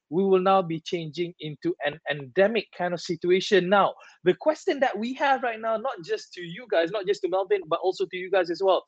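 A man with a Malaysian accent and a distinctly high voice hosts a casual chat show. His delivery is playful and animated, full of colloquial turns. The sound is dry and slightly dull, with lo-fi muffling. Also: dry recording. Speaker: talk show host. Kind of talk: bilingual casual chat to viewers.

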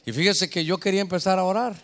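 A man, a pastor preaching a sermon, telling a story and acting out the voices and shouts of others. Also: high voice, fairly even intonation, quick pace. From Guatemala. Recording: echoey hall reverb.

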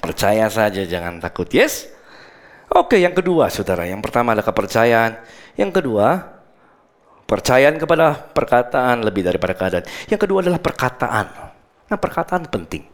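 A man preaching a sermon as a pastor, animated, acting out the scripture quotes and slipping in English words. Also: mid-range voice, moderate pace.

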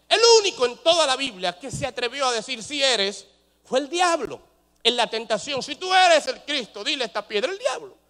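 A male pastor preaching a sermon, asking rhetorical questions and swinging between loud rises and soft drops. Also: very high voice. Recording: long hall reverb.

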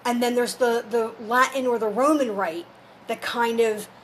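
A woman's voice: on the high side, fairly even intonation, moderate pace, a little hiss or hum. A woman talking informally as a storyteller, explaining folklore and history step by step in a conversational way.

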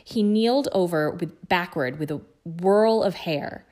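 A woman reading a book chapter aloud in a hushed, suspenseful way. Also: on the low side, expressive, measured pace. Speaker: guest reader.

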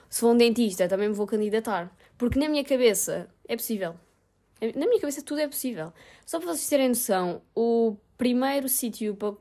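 In a casual vlog, a young adult woman with a European Portuguese accent speaks frankly, mocks herself, and swears freely. Her voice sits in the mid-range with a darkish tone.

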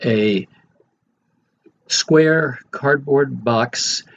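A man's voice: mid-range voice, extremely slow. An older man hosting a podcast, telling stories from memory in a conversational way with wry asides. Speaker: podcast host. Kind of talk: reminiscing storytelling monologue. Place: home library. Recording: muffled, faintly noisy.

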